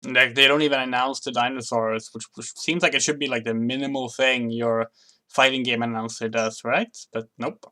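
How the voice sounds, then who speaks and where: A man's voice: mid-range voice, fairly even intonation, normal speed, sharp tone. A man giving casual, musing gameplay commentary with a mild grumble, faint game sounds behind him. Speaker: gaming commentator.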